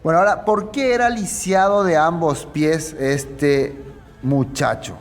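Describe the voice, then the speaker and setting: Speaking at a measured pace in a slightly high voice, a male preacher works through a Bible passage in a big-sounding room. His sermon is conversational, and he keeps asking the audience "¿no?"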